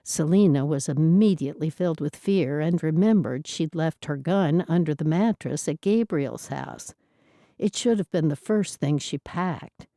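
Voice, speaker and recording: A woman narrating a cozy mystery audiobook in calm, even scripted narration. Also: sits low, unhurried, dry recording, studio quality.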